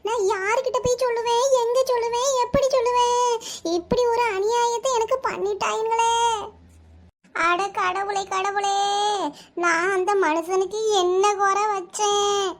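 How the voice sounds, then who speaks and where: A woman's voice: very high voice, fairly even intonation, measured pace. A woman voicing a distraught, betrayed village wife in a cartoon, with a Kanyakumari Tamil accent and a wailing, melodramatic way of lamenting. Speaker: voice actor. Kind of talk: cartoon voice acting.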